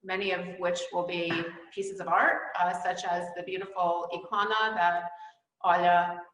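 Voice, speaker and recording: A woman's voice: fairly low pitch, flat delivery, unhurried, fairly bright tone. A middle-aged woman hosting a virtual gala, thanking guests and announcing the next steps with many ums and uhs. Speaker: gala host. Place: wood-panelled indoor hall. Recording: roomy hall with long reverb.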